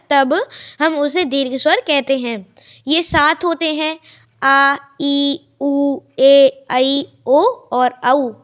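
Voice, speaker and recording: Woman, high voice, unhurried pace, grammar lesson, repeats each point with examples. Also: fairly bright tone. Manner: slow, drawn-out explanations with repeated examples. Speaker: teacher.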